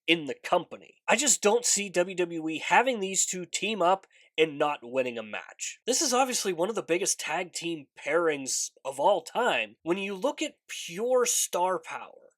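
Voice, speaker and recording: This man hosts a wrestling preview channel, giving casual vlog commentary on upcoming matches while his nose is stuffed up after a fever. He has a high, fairly bright voice with big pitch swings, moving at a moderate pace with hardly any pauses and no echo. Earnest and chatty, he presses on stressed words.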